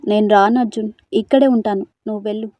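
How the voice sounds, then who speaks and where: A woman's voice: medium pitch, fairly even intonation, fast, warm tone, no echo, natural voice. A woman voicing a frightened young woman who pleads to be left alone, in an audio story. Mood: scared. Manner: pleading, timid.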